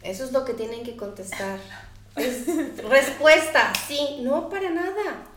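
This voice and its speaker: High-voiced joking Mexican woman host. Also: a little slow. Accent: Mexican Spanish. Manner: blunt, joking, swears freely. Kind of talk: casual chat. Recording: echoey room.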